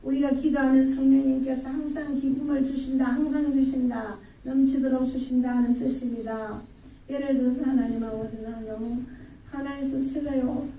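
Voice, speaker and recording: A woman's voice: sits high, little pitch movement, moderate pace, dark tone. Older woman preaching in an echoey hall. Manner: emphatic, acting out prayers and repeating phrases. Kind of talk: sermon. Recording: roomy hall from a distance, faint ambience.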